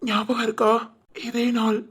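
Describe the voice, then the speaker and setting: A woman voicing a grown man who tenderly recalls a childhood friend in an audio drama, speaking slowly and wistfully. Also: on the high side, monotone, slightly rough, pitched below the performer's own voice. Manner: slow, tender, wistful calling of a name.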